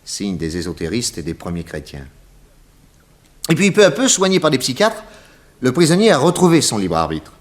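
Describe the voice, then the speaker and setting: In a 1960s French radio serial, an actor plays a confident detective boss explaining crimes to his assistant. His medium-pitched male voice swings hugely in pitch, delivered emphatically, didactically and theatrically with dramatic pauses, in a dramatic, explanatory mood.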